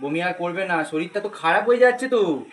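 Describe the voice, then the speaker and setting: A man's voice: high voice, animated, fairly quick. A young man from West Bengal filming a casual village vlog, chatting along and coaxing his little daughter, on a handheld phone at a rainy village home. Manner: chatty, coaxing a small child. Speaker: vlogger. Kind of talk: casual daily-life vlog chat. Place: village home, partly outdoors in rain.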